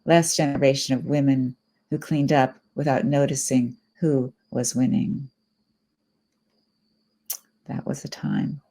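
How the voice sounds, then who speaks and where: A middle-aged woman poet giving a reflective, unhurried poetry reading. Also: a bass voice, little pitch movement, gravelly, dark tone.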